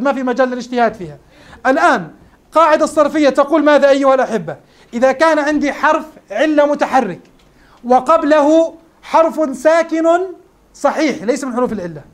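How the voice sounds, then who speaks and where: A man teaching morphology in a classroom lecture, explaining step by step and asking his students questions. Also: extremely high pitch.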